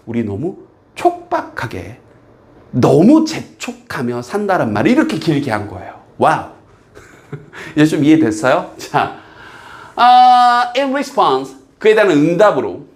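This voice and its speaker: A man from South Korea, teaching an English exam passage in a lively lecture, reading English lines slowly and explaining them quickly. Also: high voice.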